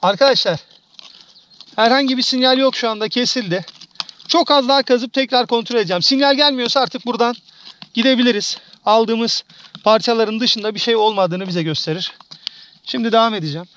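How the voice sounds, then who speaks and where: A man's voice: extremely high pitch, fairly quick, fairly bright tone, lo-fi sound, a little hiss or hum. A man vlogging outdoors as he digs for treasure, describing the soil and repeatedly telling viewers to look. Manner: repetitive, keeps urging viewers to look. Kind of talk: live narration while digging. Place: outdoors at a dig site.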